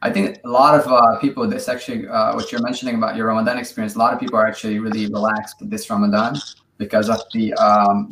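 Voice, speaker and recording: A man hosting a podcast in casual chat, friendly and halting with many fillers. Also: lowish voice. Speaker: podcast host. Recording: echoey room with faint noise.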